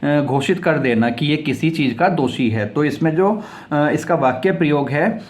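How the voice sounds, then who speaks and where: Speaking on the high side and sounding animated, a man teaches English vocabulary. He explains each word, spells it out one letter at a time, repeats it a number of times, and takes the example sentences slowly.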